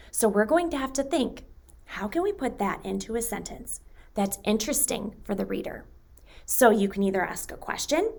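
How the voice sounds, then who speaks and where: A woman teacher explaining a writing task to young children in a lively classroom tone. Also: mid-range voice, creaky.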